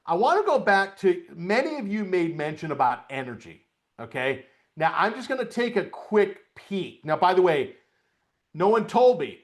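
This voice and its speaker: A middle-aged man coaching a live webcast lesson on options trading, chatty with folksy asides. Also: fairly high pitch. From upstate New York, US. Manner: chatty, lively, folksy asides while walking through a trading screen.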